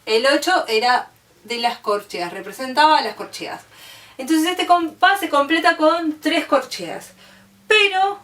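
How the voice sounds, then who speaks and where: A woman speaking Argentine Spanish gives a music lesson, explaining each step patiently and asking "¿sí?" to check in. Her voice is high-pitched and a bit bright, heard through a distant mic in a roomy space.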